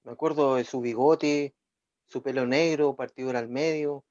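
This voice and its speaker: A man with a Chilean accent in casual conversation, animated and joking, dropping slang asides. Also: mid-range voice, moderate pace. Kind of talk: casual chat. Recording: dull lo-fi recording.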